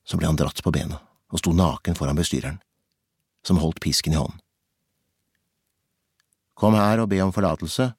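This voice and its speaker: A man narrating a novel as an audiobook in a measured, intense storytelling manner. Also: extremely low pitch, darkish tone, slightly rough, dry recording, clean studio sound.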